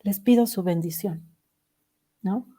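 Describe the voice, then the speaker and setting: Mellow-voiced woman hosting a livestream. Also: medium pitch, slow, husky. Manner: gentle, many "este" fillers. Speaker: live stream host reading viewer comments. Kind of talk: reflective live stream talk.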